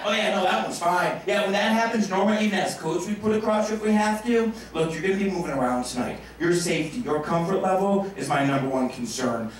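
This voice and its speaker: A man's voice: fairly high pitch, distant mic, a little hiss or hum. A man working as a stage hypnotist, joking brashly and crudely with volunteers on stage in front of a live audience. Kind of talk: live stage show patter. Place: stage in a large room before an audience. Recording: very echoey live room, captured from afar.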